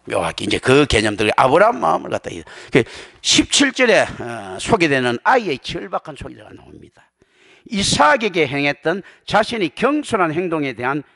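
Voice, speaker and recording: A pastor preaching a sermon in a church, animated and acting out the voices he quotes. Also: a little high, creaky. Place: church sanctuary.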